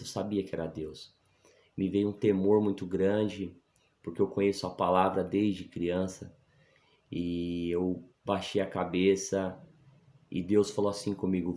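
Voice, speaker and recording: Deep-voiced pastor giving earnest testimony. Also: male voice, mellow. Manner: earnest, emphatic, often adds "né?" for assent. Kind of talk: personal conversion testimony. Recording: echoey room.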